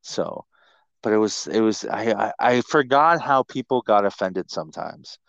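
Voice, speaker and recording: A middle-aged man hosting a podcast, telling stories casually and comically in a sweary, self-mocking, animated way. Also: on the low side, moderate pace, no echo, muffled recording. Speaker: podcast host.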